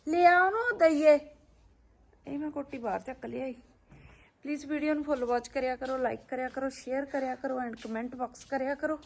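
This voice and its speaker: A woman's voice: sits high, moderate pace, creaky. A woman with a Punjabi accent chatting casually as a family vlogger, in a dramatic, exclaiming, scolding manner. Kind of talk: casual farm-chore chat.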